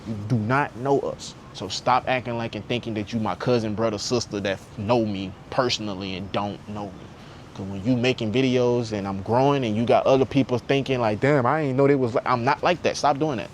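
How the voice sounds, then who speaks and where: A man in his twenties ranting candidly in a vlog, heated and repetitive, swearing bluntly, with a faint vehicle rumble behind him. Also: moderate pace. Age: 20s. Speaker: vlogger.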